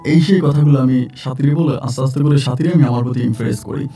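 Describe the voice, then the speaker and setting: A young man from Bangladesh telling his own true story slowly and plainly, often restarting his sentences. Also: mid-range voice, dark tone. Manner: slow, plain retelling with frequent restarts and fillers. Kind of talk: first-person true-story narration. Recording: distant mic with faint music.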